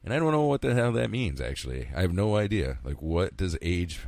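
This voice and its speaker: 50-something guy hosting his own podcast, real low voice, dry close sound, rambles and swears a lot. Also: sing-song, fairly quick, creaky, a little mellow, no echo. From central New York. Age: 50s. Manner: rambling, candid, swears freely, talks to himself. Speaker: podcast host. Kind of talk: casual solo podcast monologue.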